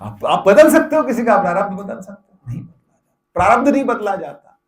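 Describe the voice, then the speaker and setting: A man's voice: high-pitched, sing-song, brisk. A middle-aged man giving a devotional discourse to a gathering, asking rhetorical questions and answering them himself, often repeating phrases for emphasis. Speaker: spiritual teacher. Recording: echoey room.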